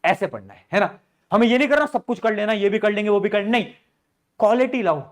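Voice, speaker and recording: Male teacher, high voice, fatherly and direct with students, poses questions and answers them, coaching tone. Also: a little fast. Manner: coaxing, asks rhetorical questions and answers them; calls students "beta", informal and direct. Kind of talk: study-planning advice to students.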